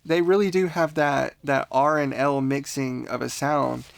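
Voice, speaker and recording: A man's voice: mid-range voice, fairly even intonation, measured pace, gravelly, dry recording. A man teaching a casual beginner language lesson on a podcast, patient and laughing often.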